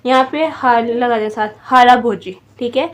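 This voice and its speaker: A woman teaching a beginner vocabulary lesson, repeating each word slowly and spelling it out syllable by syllable. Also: fairly high pitch, fairly even intonation. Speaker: language teacher.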